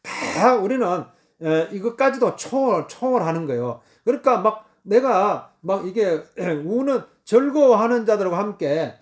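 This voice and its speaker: Guy preaching a sermon, pretty high voice, keeps repeating himself with lots of um and uh. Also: animated, a little slow, few pauses. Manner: repetitive, emphatic preaching with many fillers.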